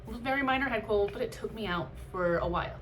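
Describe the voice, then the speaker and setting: Fast and a bit bright, this mid-pitched woman vlogs casually and candidly about her experience as an amateur runner, mixing reflective conversation with emphatic bursts. The audio quality is poor.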